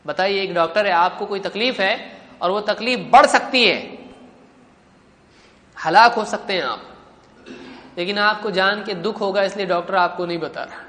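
A man's voice: high voice, long pauses, bright, forceful tone, in a large hall. A man giving an Islamic sermon, acting out everyday scenes in quoted voices. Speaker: preacher.

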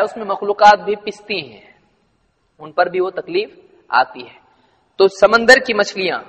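A man's voice: high-pitched, a bit bright, long reverb tail. A man teaching a religious lesson to a gathered audience, asking rhetorical questions and answering them, explaining word meanings step by step.

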